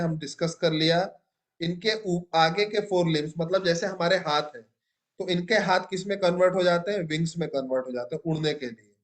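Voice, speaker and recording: A young man teaching a biology class, asking students questions and praising their answers. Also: high voice. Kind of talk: classroom lecture.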